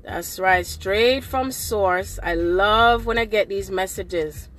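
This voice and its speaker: A middle-aged spiritual livestreamer talks fervently and slowly, repeating affirmations, on an impromptu live video from her car at night. Her mid-range voice has a fairly bright tone and sounds a little nasal from a cold. She holds the phone at arm's length, and faint music plays in the background.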